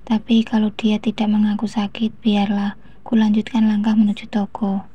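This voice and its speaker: A woman reads a romance novel aloud in the first person, breathy and fairly high with very little pitch movement. The recording is dry and dull, close to the mic. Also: normal speed. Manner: first-person storytelling, steady and even. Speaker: novel narrator. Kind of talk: scripted narration of a romance novel.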